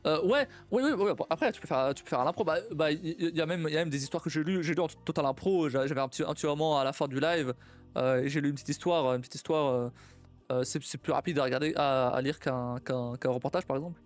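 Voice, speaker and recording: A young man of Portuguese family chats casually on a live stream, thinking aloud as he stumbles, repeats himself, restarts, and laughs often. His voice is a little high, with soft music playing in the background.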